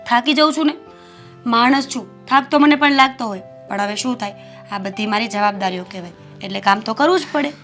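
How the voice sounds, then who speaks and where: An actress playing a modest, dutiful young daughter-in-law who speaks softly and patiently, in a family drama. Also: female voice, a little high, a little fast, faint music behind, lightly acted.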